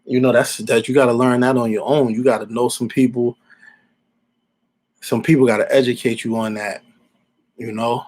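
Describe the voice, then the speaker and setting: A man's voice: mid-range voice, level tone, moderate pace, pauses often, a little mellow, rough recording. A man in his forties from Alabama giving casual, rambling opinions as a podcast host, repeating himself and using informal slang. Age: 40s.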